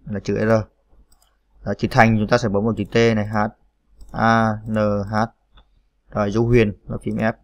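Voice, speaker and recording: Low, gravelly man spelling out keystrokes. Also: no room sound. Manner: spells out keys letter by letter, many "à" fillers. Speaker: computer tutorial host. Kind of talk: screen-recorded typing tutorial.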